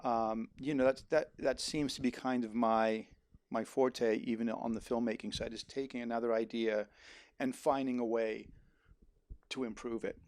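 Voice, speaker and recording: A man's voice: medium pitch, steady tone, normal speed, darkish tone, clear, resonant tone, dry recording. Dry-voiced reflective middle-aged man. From Netherlands. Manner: reflective and modest, with frequent ums. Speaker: podcast guest, sound mixer and filmmaker. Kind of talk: casual conversation.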